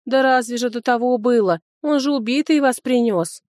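A woman reading an audiobook, voicing a chattering young female servant who gossips in excited exclamations. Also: a little high, moderate pace, dry recording, studio quality, pitched above the performer's own voice, lightly acted.

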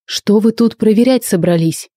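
A woman's voice: medium pitch, normal speed, dark tone, dry recording, clean studio sound, voice pushed up, lightly acted. A woman reading a stern, weary rector. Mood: alarmed. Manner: formal and admonishing.

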